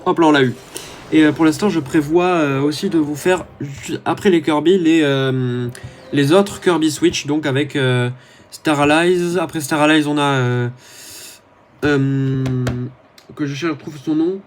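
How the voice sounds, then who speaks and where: A man with a slightly higher voice talks his way through a mobile strategy game, chatty and hesitant, filling pauses as he thinks aloud. Faint noise sits behind his voice. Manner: chatty, hesitant, many "euh" fillers. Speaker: gaming YouTuber. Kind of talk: casual gameplay commentary.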